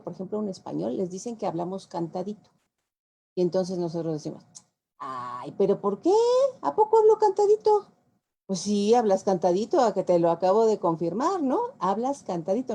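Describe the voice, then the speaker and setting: Mexican woman lecturing, gravelly and mellow. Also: mid-range voice. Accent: Mexican Spanish. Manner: explanatory, conversational, with filler "eh". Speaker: guest lecturer, linguist. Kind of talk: lecture answering audience questions.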